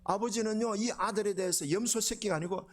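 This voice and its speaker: A male pastor, preaching a sermon in a lively, conversational way and often asking the congregation questions. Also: high voice, brisk.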